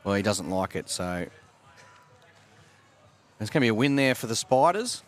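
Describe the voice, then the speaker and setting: A man doing relaxed, conversational live commentary on a sports broadcast. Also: on the low side, moderate pace.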